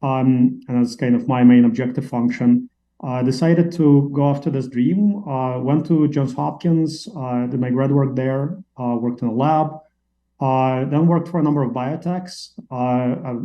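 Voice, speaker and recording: A man speaking from Latvia's background as a CEO guest, hesitant and full of fillers as he explains his path. His voice sits at an ordinary mid pitch. The audio is a little dull, as over a remote link. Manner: halting, many fillers. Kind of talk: interview conversation.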